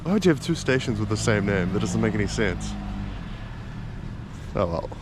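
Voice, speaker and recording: A man's voice: lowish voice, very animated, normal speed. A hungover, weary man grumbling casually as he records a rambling travel vlog outdoors. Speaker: travel vlogger. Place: outdoors, walking around while travelling. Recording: outdoor noise with passing vehicles.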